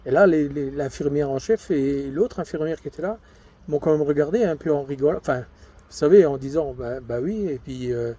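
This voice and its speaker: A man's voice: on the high side, a little fast, mellow. A middle-aged man from Belgium chatting casually in a video diary, rambling through stories and often laughing. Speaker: vlogger sharing his cancer treatment diary. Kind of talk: casual chat.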